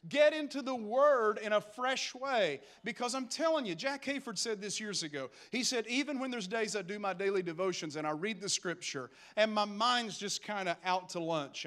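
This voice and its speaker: A man preaching a lively, humorous sermon that builds to emphatic calls to action. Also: sits high. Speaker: pastor.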